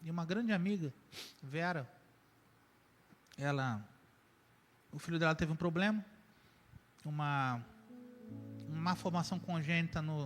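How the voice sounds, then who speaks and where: A man preaching a sermon, emphatic, moving between loud urging and quiet reflection. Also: fairly high pitch. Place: church sanctuary. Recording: church hall with long reverb and faint music.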